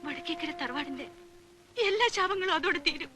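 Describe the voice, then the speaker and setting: A woman's voice: very high-pitched, normal speed. A tearful, despairing young woman. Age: young adult. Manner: weary, tearful pleading. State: crying. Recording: film soundtrack with music behind.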